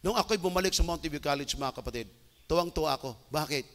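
A man from the Philippines delivers an animated sermon as an evangelist, his voice high and bright, and he breaks into sudden shouts. The sound rings with the long reverb of a large hall. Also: quick pace. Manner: animated storytelling with bursts of shouting. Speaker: evangelist preacher.

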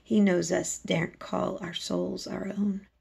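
A woman voicing an anxious, excitable young Yorkshire housemaid from a storybook, exclaiming in dialect. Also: fairly low pitch, a little slow, gravelly, husky, full character voice. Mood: alarmed. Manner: agitated dialect speech, exclaiming.

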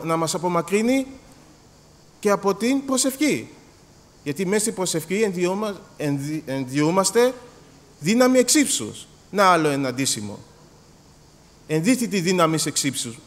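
Animated Greek preacher, high lively voice. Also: male voice. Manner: animated, acts out dialogues, repeats words. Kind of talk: sermon. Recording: long hall reverb.

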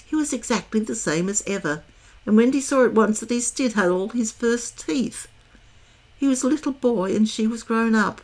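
A woman reading a children's novel aloud in a calm, measured way. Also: fairly high pitch. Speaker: storyteller.

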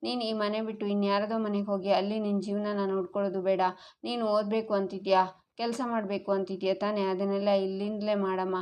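A calm, caring elder brother speaks gently and reassuringly, as a woman reads his part. The voice is mid-pitched and flat in contour. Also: fairly quick, lightly acted.

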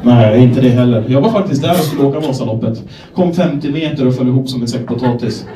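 A young Swedish man from Gävle doing a stand-up set, telling self-deprecating stories in a deadpan way and acting out the people in them. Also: medium pitch, a crowd in the background. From Sweden, Gävle. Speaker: stand-up comedian. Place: comedy club stage. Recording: echoey club room, voice from a distance.

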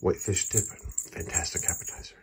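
A man filming his cat at home and talking to it in soft, doting baby talk, often dropping to a whisper, recorded on a handheld phone in a carpeted basement. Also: fairly quick, heavy background noise. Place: carpeted house basement, indoors. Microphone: handheld phone camera.

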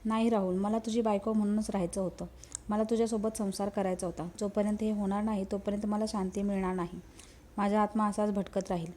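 A woman's voice: mid-range voice, flat delivery, fast talker, dark tone, natural voice. Woman reading as a vengeful ghost woman. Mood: mournful. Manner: menacing, mournful in turns. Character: vengeful female ghost, possessive and cackling.

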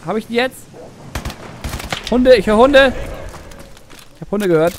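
Excitable man, gameplay commentary, lively swings in pitch, noisy game audio behind. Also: unhurried. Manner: excitable, swears and yells at the game. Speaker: let's play gamer. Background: game gunfire and noise.

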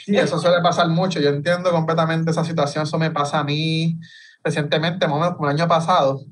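A man's voice: a little high, level tone, quick pace. Earnest man from Puerto Rico, distant call audio. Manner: earnest, explains with many restarts and fillers. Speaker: guest interpreter. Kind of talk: interview conversation. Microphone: video call from home.

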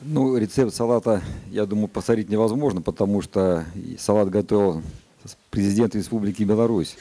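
A man, a spacecraft commander, answering press conference questions in a calm, measured, matter-of-fact way. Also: on the low side.

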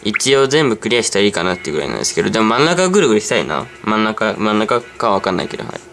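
A man's voice: fairly low pitch, sing-song, very fast, fairly bright tone. A man giving easygoing game commentary, rambling and talking to himself as he plays. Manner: rambling, easygoing, talks to himself while playing. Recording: clear background music under voice. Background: background music.

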